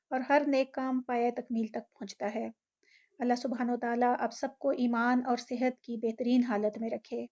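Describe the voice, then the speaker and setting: Flat solemn woman, dull lo-fi audio. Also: a little high. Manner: formal, solemn, even. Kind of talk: formal opening prayer and welcome.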